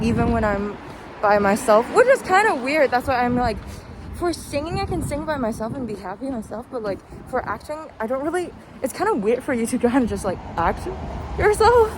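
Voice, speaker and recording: In a rambling, casual vlog, a young woman reflects aloud while walking outdoors amid street traffic noise. Her voice is a little high and animated, at a moderate pace.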